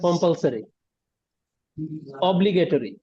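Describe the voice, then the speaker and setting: A man's voice: a little high, animated, slow pace, warm tone. A man teaching English in an online class, explaining word meanings and checking in with students after each point. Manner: explains word by word, mixing English terms, asks "ঠিক আছে?". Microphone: video call. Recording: dull lo-fi online class audio.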